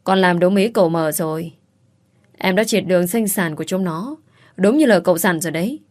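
A woman's voice: on the low side, animated, fairly quick, darkish tone, close to an everyday voice. A woman voicing a scheming young female servant who argues, pleads and screams curses. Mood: raging.

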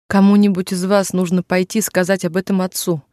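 A man's voice: high-pitched, little pitch movement, a little fast, darkish tone, no room sound, lightly acted. A man reading the lines of a worried mother in tears, anxious and pleading, in a dry room.

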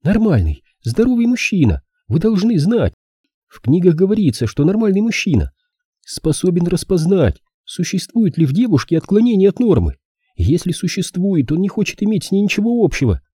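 A man voicing a desperate nineteen-year-old woman in an audiobook, high and pleading. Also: very animated, fairly quick, warm tone, breathy edge, no echo, clean studio sound, full character voice. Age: young adult.

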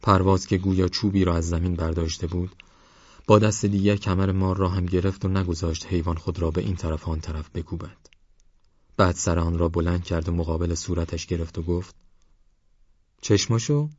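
A man calmly narrating an audiobook novel in a measured storytelling voice. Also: sits low, no echo. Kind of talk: scripted narration. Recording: dull dry studio recording.

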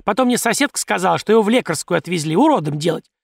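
A man voicing a loud, coarse, domineering peasant wife who scolds and bosses everyone. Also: animated, very fast, creaky, slightly rough, dry recording, clean studio sound, heavily acted. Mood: scolding. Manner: shrill, scolding, bossy.

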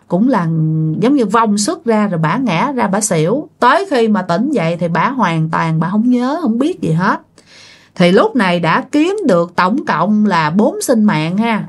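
A woman telling a ghost story in a chatty way, often speaking straight to her listeners. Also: medium pitch. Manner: chatty, addresses listeners directly.

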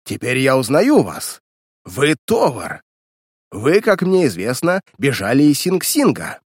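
A man's voice: mid-range voice, very animated, moderate pace, dry recording, studio quality, close to an everyday voice. A man voicing a sly, blustering villainous uncle in an audiobook reading, with mocking, indignant outbursts. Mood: triumphant.

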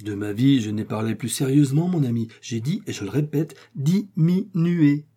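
A man's voice: mid-range voice, fairly quick, mellow, husky, natural voice. A man playing a curt, commanding young viscount. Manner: curt, authoritative. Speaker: character in a read story. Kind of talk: audiobook character reading.

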